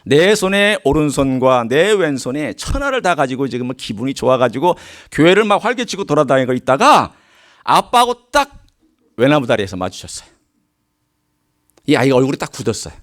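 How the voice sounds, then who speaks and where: A middle-aged man preaching a sermon, telling a story and swinging from quiet low asides to high, emphatic calls. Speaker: pastor.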